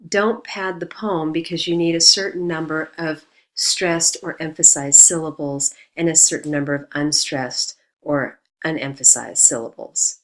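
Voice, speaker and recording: A woman teaching a recorded lesson on poetry, explaining in a measured way and reading quotations aloud. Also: low-pitched, fairly even intonation.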